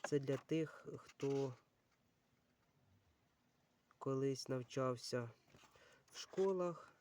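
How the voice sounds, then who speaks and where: A man's voice: medium pitch, very slow, darkish tone, a little hiss or hum. A man casually going through a pile of books, talking unhurriedly and thinking aloud with many fillers, addressing his viewers as friends. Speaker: book channel vlogger. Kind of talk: casual browsing commentary.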